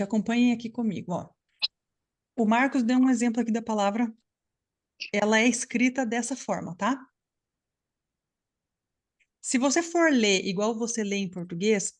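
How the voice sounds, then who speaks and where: A woman's voice: on the high side, a little mellow. Patient woman teaching an online class. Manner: patient, explanatory, checks understanding often. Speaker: English teacher. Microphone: video call.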